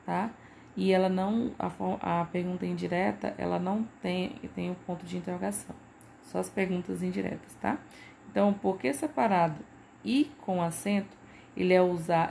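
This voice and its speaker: A woman's voice: on the low side, gravelly, a little mellow, slight background noise. A Brazilian woman teacher giving a recorded lesson, talking patiently and checking in with listeners as she goes. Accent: Brazilian Portuguese. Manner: patient, repeats points with frequent "né" and "tá".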